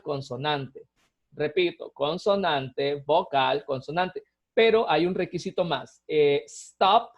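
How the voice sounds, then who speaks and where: Patient man teaching, somewhat high voice. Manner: patient, step-by-step, with fillers and tag questions. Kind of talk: recorded lesson explaining grammar. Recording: dull lo-fi recording.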